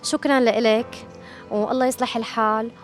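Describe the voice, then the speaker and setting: A woman's voice: on the high side, fairly even intonation, brisk. A woman with a Syrian Arabic accent, working as an interviewer on camera in the street. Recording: background music under voice.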